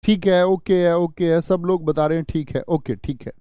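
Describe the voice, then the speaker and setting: A man's voice: fairly high pitch, normal speed, warm tone, clear, resonant tone, dry recording, studio quality. A man teaching a live online exam-prep class, drilling students with repeated questions and joking as he reads their comments.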